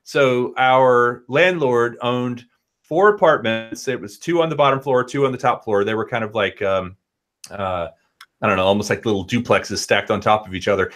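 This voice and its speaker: Bright-voiced man in his forties. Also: mid-range voice, normal speed. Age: 40s. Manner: animated, rambling storyteller. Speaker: guest. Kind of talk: casual online chat. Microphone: headphones and laptop on a video call.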